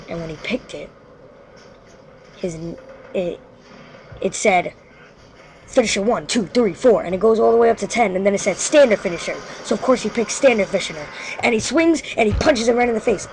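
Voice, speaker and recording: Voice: medium pitch, darkish tone, slight background noise. Rambling storyteller who keeps correcting themselves. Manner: rambling, frequently corrects itself. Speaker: host. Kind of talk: casual live storytelling.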